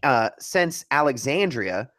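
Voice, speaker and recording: A man's voice: medium pitch, sing-song, slow, a bit bright. A man co-hosting a podcast, debating heatedly in a casual, emphatic way and often restarting his sentences. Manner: emphatic, argumentative, restarts mid-thought.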